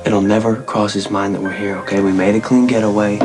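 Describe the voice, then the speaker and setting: This is a man playing a young fugitive who reassures his nervous partner in an even, soothing voice with some gentle teasing. It is a soap opera scene with clear music underneath. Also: on the low side, fast talker, lightly acted. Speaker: fugitive hiding under a false name. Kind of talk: daytime soap opera acting.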